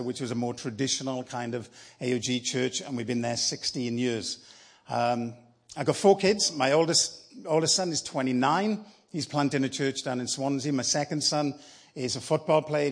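A man in his fifties with a South Welsh accent, giving a sermon live in church as a guest preacher, telling his story with lively enthusiasm. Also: medium pitch, normal speed. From South Wales. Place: church sanctuary.

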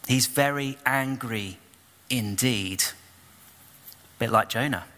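A man's voice: mid-range voice, slow pace, bright, forceful tone, big-room sound. A man preaching a sermon, retelling the story expressively and putting questions to the congregation. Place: church.

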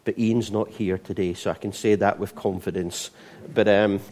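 Mellow-voiced Scottish preacher, conversational. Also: male voice, on the low side, fairly even intonation, moderate pace. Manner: conversational preaching with frequent restarts and repeated words. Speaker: pastor. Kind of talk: sermon.

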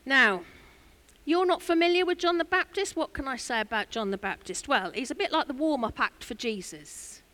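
A woman pastor preaching a sermon in a church, telling a story with lively asides and questions to the congregation. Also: sits high, moderate pace.

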